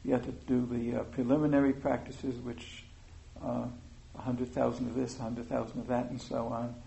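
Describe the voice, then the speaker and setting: A man giving an informal meditation talk, speaking slowly and thoughtfully with many pauses and fillers. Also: mid-range voice, flat delivery, gravelly, dark tone, rough recording. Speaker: meditation teacher.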